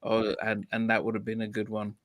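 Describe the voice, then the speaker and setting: A man's voice: lowish voice, completely flat delivery, brisk, no room sound. A man hosting a podcast, chatting casually about an album with lots of restarts. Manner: hesitant, many restarts and fillers. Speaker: podcast host. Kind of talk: casual music review chat.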